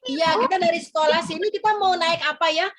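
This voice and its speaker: A woman's voice: extremely high pitch, quick pace, a loud crowd. A woman teacher leads young children on a virtual field trip over a video call. She sounds cheerful and coaxing, and ends nearly every phrase with a questioning "ya". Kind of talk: online lesson for young children. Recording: noisy online call audio.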